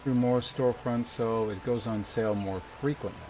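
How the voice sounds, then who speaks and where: A mid-range, slightly mellow male voice with fairly even intonation and a moderate pace carries this casual livestream, over game music and slight background noise. The streamer rambles about gameplay, reads chat out loud, and is dryly sarcastic and freely profane.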